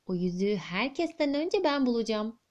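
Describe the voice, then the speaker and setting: A woman voicing a busy, boastful giant mouse who talks in a brisk, self-assured way. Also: a little high, very animated, a little mellow, dull audio.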